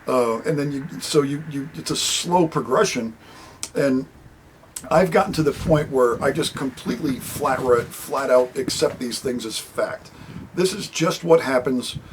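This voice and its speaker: A man's voice: mid-range voice, measured pace, slight background noise, poor audio. A man, an author, talking about his book in a casual, rambling monologue to camera and acting out the people he quotes.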